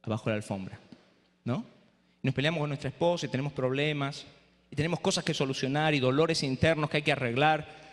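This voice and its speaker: A man lecturing pastors in a preaching style, lively and rhetorical, often asking the audience "eh?". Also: a little high, quick pace. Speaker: speaker at a training for pastors. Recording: echoey hall.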